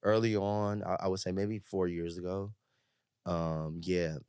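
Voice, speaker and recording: A man's voice: low voice, level tone, unhurried, a little mellow, smooth, dry recording, studio quality. A young man talking as a podcast guest, telling stories in a laid-back way and often adding "you know what I mean". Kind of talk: casual chat.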